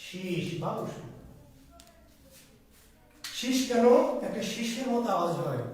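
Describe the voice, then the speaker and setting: A man teaching a grammar class, his voice pitched high for a man. He keeps asking short questions and repeating the answers. He is heard from across a strongly echoing room. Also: lively intonation, takes it slowly. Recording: very echoey room, far from the mic.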